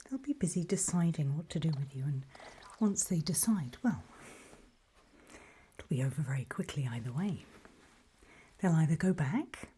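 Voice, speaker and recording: In a breathy whisper, a low-voiced woman narrates an ASMR roleplay, guiding the listener through hushed, deliberate short phrases separated by pauses. A slight hiss or hum sits underneath.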